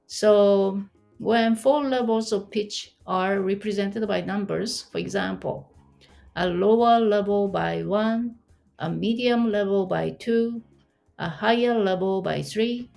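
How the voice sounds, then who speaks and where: A woman's voice: medium pitch, slow, gravelly, darkish tone, faint music behind. A woman teaching an online language lesson, explaining patiently and asking the listener questions.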